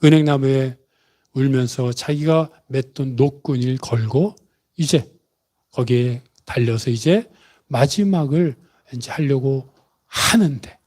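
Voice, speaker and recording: A man preaching a sermon, retelling a story with dramatic pauses and sudden emotional rises. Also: medium pitch, darkish tone. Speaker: pastor.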